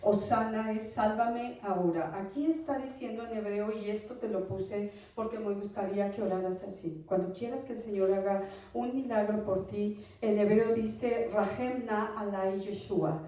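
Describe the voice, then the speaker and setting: A woman preaching a Bible teaching sermon in a conversational tone, often asking listeners "right?" and pausing on fillers. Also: medium pitch, steady tone, mellow. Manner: conversational, often asks "¿verdad?", hesitant fillers. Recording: echoey room, voice from far off.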